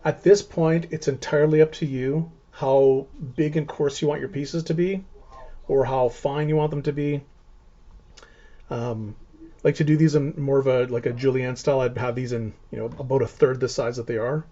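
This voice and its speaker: A man's voice: mid-range voice, fairly even intonation, normal speed, dark tone. A man with a Canadian accent hosting a live cooking stream, explaining casually as he chops and preps. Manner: casual, chatty, explains as he works. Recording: dull lo-fi stream audio.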